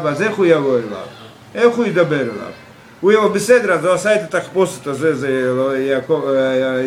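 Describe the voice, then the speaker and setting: High-voiced man teaching Torah, halting. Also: fairly bright tone. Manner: halting, full of fillers and rhetorical questions. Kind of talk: Torah class. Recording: echoey room with faint background noise.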